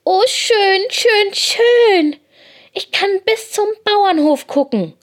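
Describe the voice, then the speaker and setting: A woman voicing a tiny, eager young bunny girl in a children's storybook, squeaky and excited. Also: slow pace, heavily acted.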